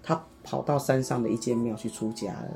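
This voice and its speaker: Rapid speech, animated storytelling, quoted dialogue, faint guitar music behind. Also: mid-range voice, gravelly. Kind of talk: casual chat, dramatic storytelling.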